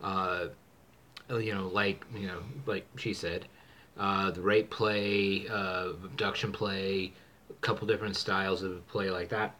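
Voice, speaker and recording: A man's voice: low voice, flat delivery, a little slow, sharp tone. A man hosting a casual chat, rambling with many restarts and fillers. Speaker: channel host.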